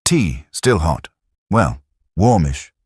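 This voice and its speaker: A man reading as a cheeky young British private, breezy and teasing. The voice sits very deep but swings up and down a lot, with a husky edge and a dry, close sound. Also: very animated, slow, darkish tone, no echo, heavily acted. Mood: friendly.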